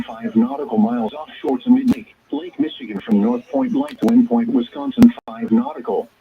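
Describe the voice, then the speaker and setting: A very high, creaky man's voice, synthetic and stilted, announces scripted weather alerts formally in choppy phrases. The sound is that of a weather radio broadcast, tinny and narrow-band.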